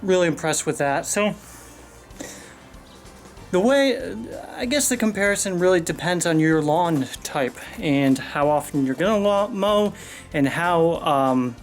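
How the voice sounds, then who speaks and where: A man giving a casual, rambling mower review outdoors, out of breath and talking with many fillers. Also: fairly high pitch. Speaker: lawn care video host. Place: outdoors on a lawn.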